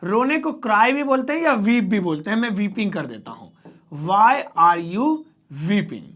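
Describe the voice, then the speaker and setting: A man teaching a spoken English lesson, writing on a board as he goes and repeating each word slowly, spelling some of them out. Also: sits high, very animated, fairly bright tone.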